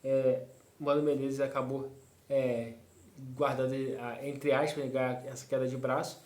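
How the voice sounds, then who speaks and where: A man's voice: mid-range voice, level tone, unhurried, a little mellow. A man hosting a football fan channel, talking through club news in casual commentary, rambling with fillers and tag questions. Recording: roomy echo.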